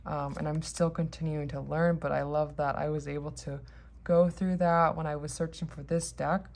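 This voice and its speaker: Low-voiced woman rambling sleepily. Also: flat delivery, gravelly, a little mellow. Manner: sleepy, unhurried rambling with trailing-off thoughts. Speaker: host of a tarot deck haul vlog. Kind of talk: casual rambling chat.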